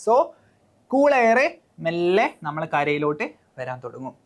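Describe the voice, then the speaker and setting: A woman's voice: low voice, very animated, unhurried. A woman teacher with a Malayali accent, coaching students for an exam, explaining step by step with frequent "okay" and questions to the class. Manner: mixes English terms into Malayalam.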